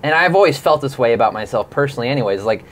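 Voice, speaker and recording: A man's voice: mid-range voice, animated, very fast, fairly bright tone, slight background noise. A man in his thirties, rambling and reflective in a casual podcast chat, often breaking off and restarting his sentences. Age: 30s. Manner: rambling, self-interrupting, reflective. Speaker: band member.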